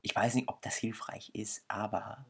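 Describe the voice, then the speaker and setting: Sitting at a computer indoors, a young man who hosts gaming videos talks through his play in casual, exasperated remarks. German is his first language, and his fairly low voice holds a steady tone at normal speed. Game music plays behind him.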